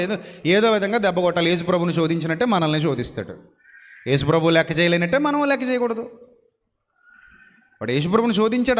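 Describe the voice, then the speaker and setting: A man preaching a sermon, swinging between loud proclaiming and low, mocking asides. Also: in a large hall. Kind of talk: Telugu sermon.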